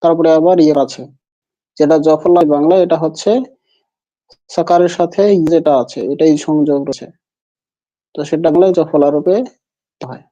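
A man's voice: a little high, flat delivery, normal speed, pauses often, warm tone. A man teaching the pronunciation of a sacred text. He repeats the syllables patiently for the learner to copy. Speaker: Vedic mantra pronunciation teacher. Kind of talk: pronunciation lesson. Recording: dull lo-fi recording.

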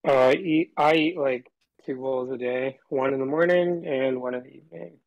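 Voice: medium pitch, normal speed, no echo, dull audio. A caller talking through a voice changer that disguises the voice, chatting casually on a call and rambling with lots of fillers. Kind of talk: casual phone chat.

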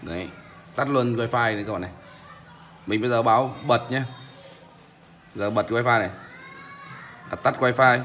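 Male phone-demo host, casual, halting delivery, bright tone, slight noise behind. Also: medium pitch. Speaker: tech vlogger, host. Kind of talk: casual phone app demonstration.

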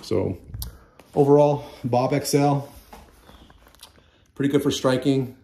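Mellow-voiced man rambling through a home review. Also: mid-range voice, slow pace. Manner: rambling, with frequent restarts and repeated words. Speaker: product reviewer. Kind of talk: casual product review vlog. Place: home practice room. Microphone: handheld phone camera.

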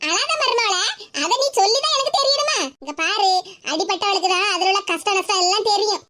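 A woman voicing a fiery, blunt middle-aged village mother-in-law with a Tirunelveli Tamil accent in an animated cartoon. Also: very high voice, fairly quick. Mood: gentle. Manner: scolding, blunt, threatening.

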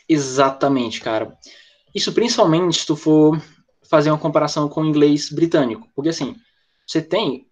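A man's voice: fairly high pitch, breathy edge. Brazilian man teaching an online class. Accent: Brazilian Portuguese. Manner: explanatory, talks with students by name and reads the chat. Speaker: English teacher. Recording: lo-fi dull audio.

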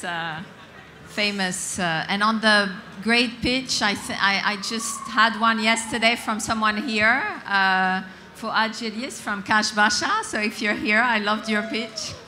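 A woman speaking as an investor on a panel, direct and crisp in her judgments. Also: medium pitch, a little slow, pushed and bright, slight background noise. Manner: direct, listing qualities crisply. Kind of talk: panel discussion. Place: stage in a large tent with an audience. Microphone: handheld mic.

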